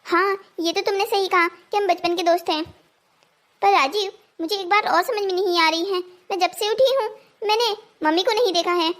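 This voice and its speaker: A woman's voice: very high-pitched, moderate pace, a bit bright. A woman voicing a confused, indignant twenty-one-year-old woman in a cartoon story. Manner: indignant, bewildered. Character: young woman of 21, confused and stubborn.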